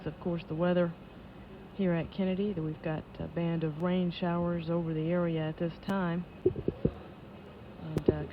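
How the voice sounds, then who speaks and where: A woman giving live launch control commentary as an official announcer, in a measured, matter-of-fact way. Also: lowish voice. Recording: dull lo-fi broadcast audio with noise.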